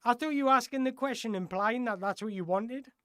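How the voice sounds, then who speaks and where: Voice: medium pitch, a little fast, sharp tone, no echo, studio quality. A live-stream football host chatting casually through viewer questions, rambling and correcting themself as they go.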